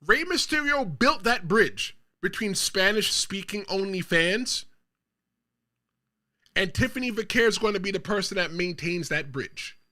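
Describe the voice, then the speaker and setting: With a high, sharp-toned voice, this Bronx, New York host runs his own wrestling commentary show. He speaks straight to the audience and hammers home his hot takes.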